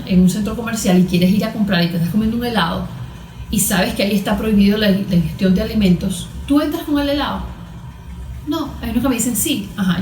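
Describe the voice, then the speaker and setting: Speaking with a Venezuelan Spanish accent, a guest therapist in an interview explains things didactically, using everyday examples and answering her own questions. Her voice is fairly high and a little mellow, and the room sounds roomy and echoing.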